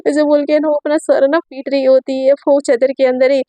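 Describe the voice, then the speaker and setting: High-voiced young woman telling a chatty story. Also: flat delivery, a little fast, warm tone, no echo. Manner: retells a romance in a chatty, conversational way, voicing each character's quoted lines. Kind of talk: casual spoken storytelling.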